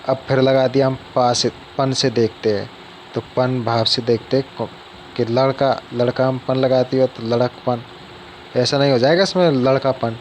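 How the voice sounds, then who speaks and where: A man's voice: medium pitch, darkish tone, dull audio, slight background noise. A man giving a casual spoken Hindi grammar lesson, explaining step by step and often asking the viewer questions.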